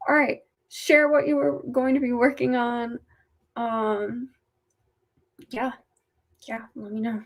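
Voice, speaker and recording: A woman's voice: fairly high pitch, level tone, slow pace, vocal fry, long pauses. A woman casually chatting as a livestream host in a rambling way, her speech slightly off after having her wisdom teeth out.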